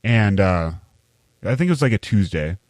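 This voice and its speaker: A man hosting a podcast, telling a story in a loose, rambling way with fillers and the odd curse. His voice sits low, and the recording is close and dry. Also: lively intonation, normal speed, a little mellow, no room sound. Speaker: podcast host. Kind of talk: casual storytelling chat.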